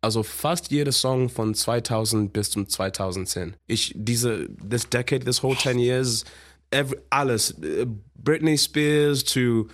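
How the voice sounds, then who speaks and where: A Zimbabwean musician, medium-pitched and carrying an English accent, is the guest on a relaxed radio interview. He struggles along in German, slipping into English, full of energy and frequent laughter.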